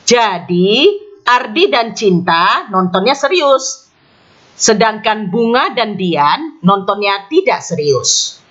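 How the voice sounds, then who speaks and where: A woman narrates a scripted grammar lesson, taking her time and letting her pitch swing widely from line to line. She explains each point carefully and repeats her example sentences. The recording has a slightly muffled, lo-fi sound. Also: big pitch swings, slow pace, a bit bright. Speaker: English teacher.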